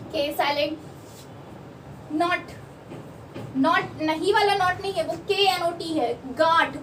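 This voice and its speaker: A woman teaching a lesson, explaining slowly, repeating words and checking that students follow. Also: high-pitched. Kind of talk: classroom lesson. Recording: echoey room, voice from far off, faint background noise.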